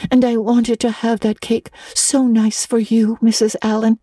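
A woman's voice: a little high, little pitch movement, a little slow, mellow, dry recording, clean studio sound, voice pushed up. A woman voicing a melodramatic, anguished young schoolgirl in a storybook, stammering and sobbing her words. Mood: forlorn.

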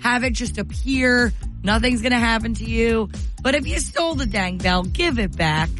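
A woman's voice: on the high side, moderate pace, over music. A woman co-hosting a morning radio show with casual, slangy, reactive banter. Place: radio studio.

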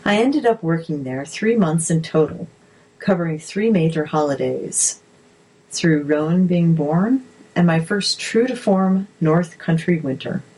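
A woman narrator reads articles aloud at a slow, measured pace. Her voice sits low and has a husky, breathy grain. The delivery stays steady and even throughout. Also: rough recording.

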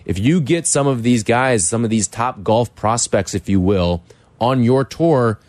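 A man's voice: medium pitch, a little mellow, no echo. An American man hosting sports talk radio, giving opinionated commentary with emphatic rhetorical questions. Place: radio studio. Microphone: close studio microphone.

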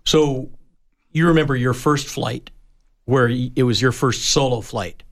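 A man's voice: medium pitch, measured pace. A man, a Marine veteran, interviewing casually and often jumping in to finish his guest's sentences. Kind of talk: conversational interview.

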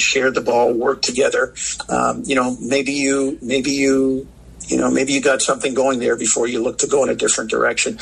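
A man phoning in to a sports radio show, speaking in a bright, forceful tone. His voice is gravelly and husky, and he circles back and restarts his sentences as he talks his way through basketball. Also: medium pitch, rough recording. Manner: talkative, many restarts and fillers. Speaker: radio guest, basketball analyst. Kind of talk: phone-in sports radio interview. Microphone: phone line.

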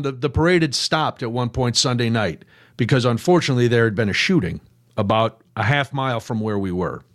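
An older man hosting a radio show, telling self-mocking stories in a casual chat. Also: medium pitch. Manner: animated, self-mocking storyteller. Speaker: radio host.

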